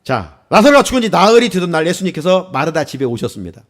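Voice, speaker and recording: A man's voice: high voice, sing-song, quick pace. A male pastor preaching a sermon, asking the congregation questions and rising into exclamations.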